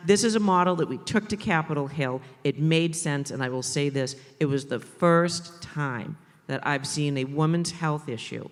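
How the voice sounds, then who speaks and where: A Boston man with a mid-range voice jokes and repeats himself for emphasis while animatedly discussing maternal mental health on a panel. He's on a conference stage in a large hall, and his words trail off into a long reverb.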